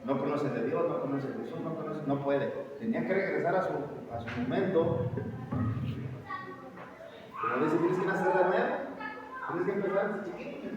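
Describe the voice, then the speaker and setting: Emphatic male preacher, fairly high voice, recorded from afar in a long-reverb church hall. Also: expressive, normal speed, pauses often, crowd noise. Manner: emphatic, asks the congregation questions, repeats "hermano". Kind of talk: sermon. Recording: echoey hall, distant mic, muffled and noisy.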